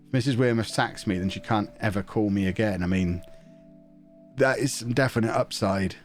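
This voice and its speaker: A man with a fairly low pitch chats at normal speed on a live stream, faint music in the background. Playing a football management game with a slightly blocked nose, he jokes, hums to himself and reads out what viewers write.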